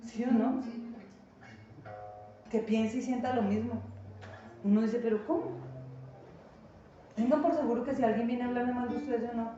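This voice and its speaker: A woman's voice: a little high, fairly even intonation, normal speed, pauses often, warm tone. A woman pastor, giving an earnest, emphatic sermon and acting out quoted voices. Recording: distant, echoey, dull church sound with guitar.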